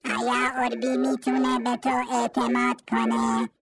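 Woman as a trusting little robot for an audiobook; high-ish, flat, earnest, music bed behind. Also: natural voice. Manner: simple, earnest, refers to itself in third person. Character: little naive trusting robot, speaks of itself by name. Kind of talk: audiobook character reading. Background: background music.

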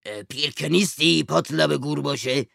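A man's voice: fairly high pitch, gravelly, fairly bright tone, no echo, studio quality. An actor playing a broke, bossy father who stammers and hems in a storybook reading. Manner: hesitant, stammering with filler sounds. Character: broke, fast-talking father, wheedling and bossy. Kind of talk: audiobook voice acting.

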